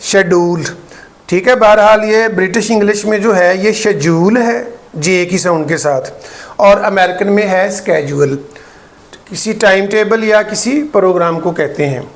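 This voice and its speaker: A man from Pakistan with a Pakistani Urdu accent, teaching English pronunciation and slowly repeating each word for practice. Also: high-pitched. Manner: slow, deliberate, repeats words for drill; explains patiently, checks in with "ठीक है". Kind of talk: pronunciation lesson.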